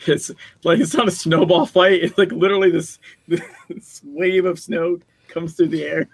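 Middle-aged man, casual podcast co-host, rambling and chuckly, slightly high pitch, dry close sound. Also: steady tone, unhurried, creaky, husky, dry recording. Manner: rambling, self-interrupting, laughs often. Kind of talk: casual chat.

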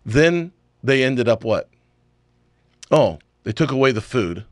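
A man's voice: mid-range voice, expressive, slow pace, no room sound, clean studio sound. A man hosting a talk radio show, ranting emphatically and firing off rhetorical questions. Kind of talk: opinionated talk radio chat.

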